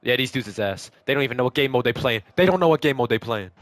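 Animated young American man gaming. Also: medium pitch, quick pace. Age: young adult. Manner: animated slangy trash talk with swearing. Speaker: gaming video host and player. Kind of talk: excited gameplay commentary, casual chat. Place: small indoor bathroom, sitting in an ice bath. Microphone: gaming headset.

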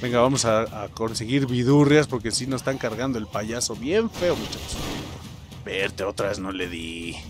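A young Mexican man giving let's play commentary, excitable, yelling and swearing at the game. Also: fairly low pitch, normal speed, over music. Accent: Mexican Spanish. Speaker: gaming channel host.

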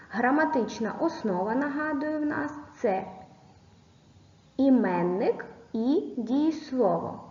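In a recorded video lesson for children, a woman primary school teacher speaks slowly and patiently, her lively pitch rising and falling. She dictates and spells out sounds and syllables, and the audio is dull and lo-fi from an echoey room.

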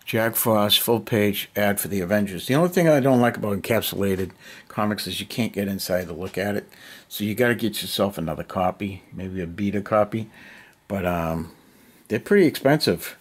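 A middle-aged hobby vlogger with a lowish voice rambles casually at a moderate pace, full of "you know," while painting miniatures in his cluttered basement hobby room. He's talking to a camera sitting on the table nearby, which picks up his voice.

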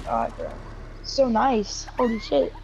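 High-voiced woman rambling over game chat. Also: wildly swooping pitch, slow pace, gravelly, very noisy. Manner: rambling, repeats herself, slangy. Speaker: gaming teammate. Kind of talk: casual voice chat while gaming.

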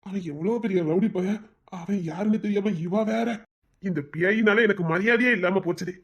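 A woman's voice: medium pitch, moderate pace, lightly acted. Grumbly fed-up cartoon guy complaining nonstop, woman doing him, muffled lo-fi audio. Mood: exasperated. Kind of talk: cartoon voice acting. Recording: dull, lo-fi sound.

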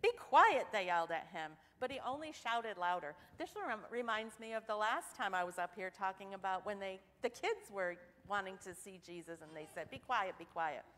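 A young woman giving a children's sermon in church, asking the children questions in an animated way. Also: medium pitch, a little fast, hardly any pauses. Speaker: children's message leader. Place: church sanctuary. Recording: church hall reverb.

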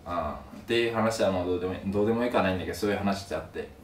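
A young man talks casually to camera with a sore mouth after wisdom tooth surgery. His voice is on the low side and moves quickly. The mic sits at a distance in a room. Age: young adult. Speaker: video creator. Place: small room at home, indoors. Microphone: camera a few steps away. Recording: roomy, distant mic, some noise.

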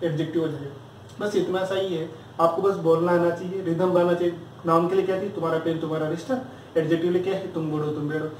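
A man's voice: fairly high pitch, fairly even intonation, fast talker, darkish tone, slight background noise. A man teaching a grammar lesson for exam preparation, drilling students with repeated questions and answers. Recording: very echoey room, far from mic.

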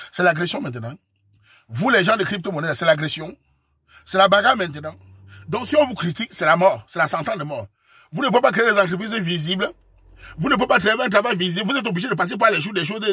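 A Cameroonian man with a Cameroonian French accent talks fast in a high, husky voice. He lectures and admonishes, repeating himself as he addresses the viewer directly. The sound is dry and close. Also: fairly bright tone, dry recording. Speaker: online commentator. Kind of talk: casual direct-to-camera rant.

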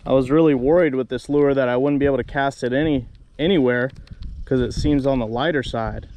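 A man's voice: medium pitch, a little hiss or hum. A man vlogging his fishing trip from a kayak on a lake, chatting casually to his viewers about what he is doing. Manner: chatty, talks to viewers as guys, bursts into excited shouts when fish bite. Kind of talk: casual first-person fishing commentary. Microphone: action camera mounted on the body.

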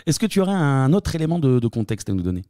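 A man hosting a podcast, asking brief questions and reacting quickly. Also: mid-range voice, sing-song, warm tone, no room sound, studio quality. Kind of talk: podcast interview.

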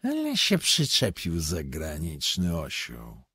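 A man's voice: low voice, huge pitch swings, takes it slowly, pushed and bright, slightly rough, no echo, clean studio sound, heavily acted. A man voicing an irritable young male poet who speaks in curt, grumbling lines in an audiobook. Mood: grumpy, suspicious.

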